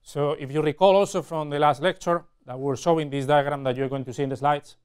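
Clear-voiced man lecturing, halting and explanatory. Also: fairly high pitch, fairly even intonation, darkish tone. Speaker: university lecturer. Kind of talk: technical lecture at a whiteboard with slides. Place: indoor classroom or studio with whiteboard.

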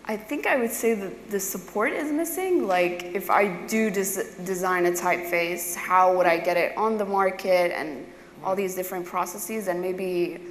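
A woman's voice: medium pitch, normal speed, a little hiss or hum. A young woman, a design student, speaking earnestly and candidly on a panel stage. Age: young adult. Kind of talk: panel discussion. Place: stage in a large event hall. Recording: echoey hall with faint ambience.

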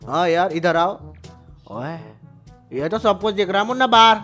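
Man playing a gruff, slangy cartoon big brother, bossy and brash, fairly high voice. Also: expressive, moderate pace, a bit bright, soft background music.

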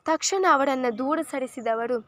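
High-voiced woman reading a story. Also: unhurried, fairly bright tone. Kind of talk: novel reading.

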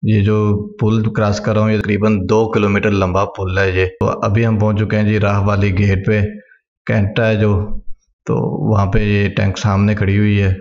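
A man's voice: fairly low pitch, completely flat delivery, normal speed, a little mellow, muffled recording. A young man, chatting to viewers as a travel vlogger while riding a motorbike outdoors, filmed on an action camera. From Pakistan. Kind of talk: casual travel vlog narration.

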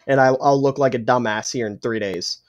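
A young man co-hosting a casual sports podcast, opinionated and swearing freely, a little hoarse and clearing his throat. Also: medium pitch, a little fast. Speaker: podcast co-host.

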